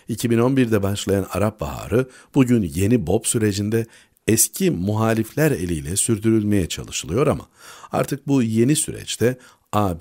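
A man reading a newspaper opinion column aloud in a measured way, letting each sentence drop low at the end. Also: warm tone.

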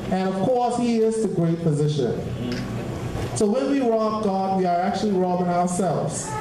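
A young man from Turks and Caicos preaching about giving in a church, speaking into a handheld mic with fervent, rhythmic repeated phrases. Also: high voice. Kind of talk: offering exhortation. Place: large church hall with congregation. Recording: very echoey church hall.

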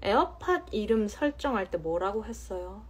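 Breathy woman chatting on a livestream. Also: mid-range voice, sing-song. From Jeonju, Korea. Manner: playful, teasing, drawn-out emphasis. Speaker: livestream host. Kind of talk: casual live-stream chat reading comments. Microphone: phone.

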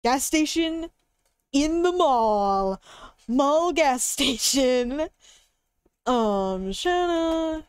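Cute, bubbly high-pitched young woman streamer. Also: lively intonation, extremely slow, long pauses, clear, resonant tone, dry recording. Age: young adult. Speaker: live streamer. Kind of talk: casual livestream chat, browsing and reacting. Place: indoor room at a streaming desk.

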